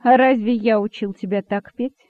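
A man's voice: high voice, steady tone, normal speed, no echo, lightly acted. A man voicing a wrathful, imperious male rabbit king who accuses and mocks, on a dry, phone-like recording. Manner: angry, accusing, sarcastic. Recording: dry, phone-like narrow sound.

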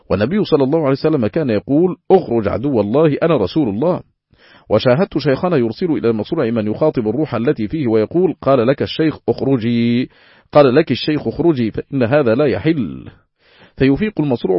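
A man reading a classical religious book aloud in a steady, formal, recitation-like manner. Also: medium pitch, breathy edge, dry recording, lo-fi sound. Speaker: audiobook reader.

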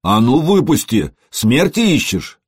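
A man voicing an outraged young retainer who shouts and complains. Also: mid-range voice, big pitch swings, a little slow, slightly rough, no room sound, clean studio sound, pitched above the performer's own voice. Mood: indignant. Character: indignant young male retainer of a governor.

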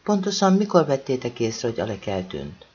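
A man reading the lines of a steady male family friend who is losing patience, in a dull lo-fi audiobook recording. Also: mid-range voice, slightly rough. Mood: pressing.

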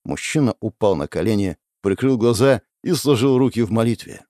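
A man narrating a fantasy audiobook in an expressive storytelling manner. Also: on the low side, moderate pace, no echo. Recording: guitar music underneath.

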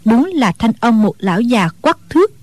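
A woman reads a storybook aloud in a steady, even storyteller's manner. Her voice sits a little high and sounds dry and close to the mic. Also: normal speed, dry recording. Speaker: audiobook narrator. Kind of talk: scripted storybook narration.

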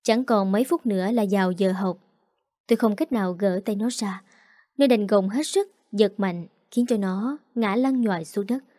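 Casting: woman narrator, dramatic and confiding, mellow dark tone, dry close sound, soft music behind. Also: medium pitch, moderate pace, dry recording. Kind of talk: first-person storytelling narration.

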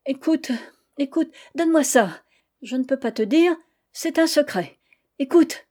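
A woman's voice: a little high, normal speed, dark tone, lightly acted. A woman reading aloud voices a flustered young wife guarding a secret, breathless, stammering and pleading.

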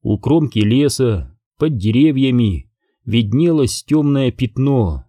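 Mellow, expressive male audiobook reader. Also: medium pitch, slow, no echo. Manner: expressive first-person storytelling. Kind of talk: scripted narration.

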